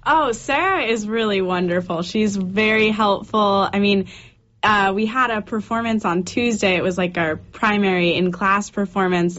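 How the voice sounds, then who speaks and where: A woman's voice: medium pitch, fairly bright tone, highs cut off. A young woman student talking casually about her class in a radio interview. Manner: casual, says "like".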